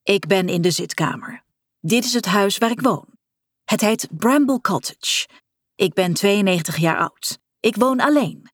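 A woman's voice: mid-range voice, expressive, a little slow, no room sound, clean studio sound. A confused 92-year-old man, as a woman reader puts him on. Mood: bewildered. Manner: bewildered, calling out irritably.

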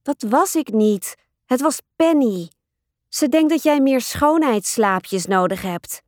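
A bratty little girl with a high, singsong voice that teases and wheedles, as a woman reading a storybook puts her on. Her voice climbs well above the reader's own. It sits in a dry, close room with no echo. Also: expressive, takes it slowly, darkish tone.

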